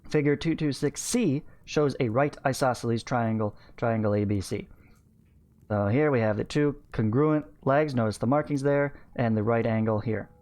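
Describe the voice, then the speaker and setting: Speaking into a stand-mounted studio microphone at close range, a math teacher in his thirties reads from a textbook and slips in casual explanatory asides, frequently asking "right?" or saying "okay". He has a medium-pitched, slightly mellow voice.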